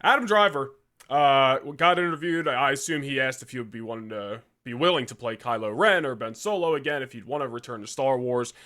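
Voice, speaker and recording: A man's voice: mid-range voice, fairly quick, bright, forceful tone. A young man co-hosting a podcast, chatting casually with loose slang and frequent laughter. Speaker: podcast co-host. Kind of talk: casual chat.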